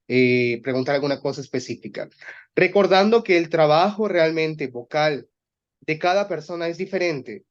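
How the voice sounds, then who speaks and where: Male voice coach, high-pitched, patient explainer, muffled lo-fi recording. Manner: explanatory, demonstrates exercises aloud. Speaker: voice workshop instructor for teachers. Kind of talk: online workshop teaching.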